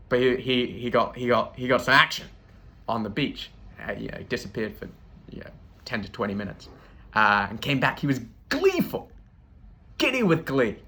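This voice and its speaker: British male comic host, bright tone, rambling and deadpan. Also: mid-range voice. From Britain. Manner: rambling, self-interrupting, deadpan asides. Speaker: comedian host. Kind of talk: stand-up storytelling.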